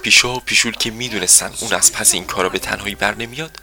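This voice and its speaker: A man narrating a children's story in a gentle storytelling manner. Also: fairly low pitch, faint music behind.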